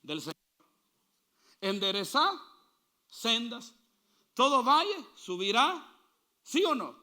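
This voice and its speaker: A male pastor preaching a sermon, asking the congregation to repeat after him and building to loud, fervent calls. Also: very high-pitched, huge pitch swings, normal speed. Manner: call-and-response preaching, building to shouts.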